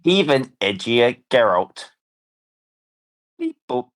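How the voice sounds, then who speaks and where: A deadpan male AI robot, speaking slow and flat in a plain mid-pitched voice, as a man puts it on. It drops in beeps and boops in a casual podcast setting. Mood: robotic.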